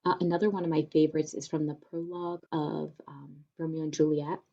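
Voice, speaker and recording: Woman, very low voice, casual lecture, lots of fillers, dull lo-fi sound. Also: little pitch movement, fairly quick, creaky. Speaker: theater company teacher leading a presentation. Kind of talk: informal lecture with readings of sonnets.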